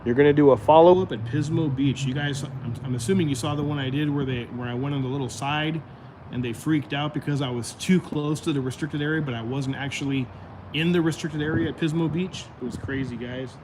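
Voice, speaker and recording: A man's voice: on the high side, brisk, noisy background. A man hosting a casual livestream, rambling and chatting straight to his viewers, his voice going out. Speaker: livestream host.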